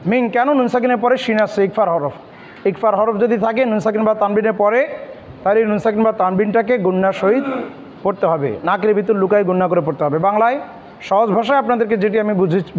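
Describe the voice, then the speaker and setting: A man with a Bangladeshi Bengali accent teaching Quran pronunciation step by step, spelling out letters and vowel marks slowly and repeating each syllable. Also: high-pitched, long reverb tail, lo-fi sound, a little hiss or hum.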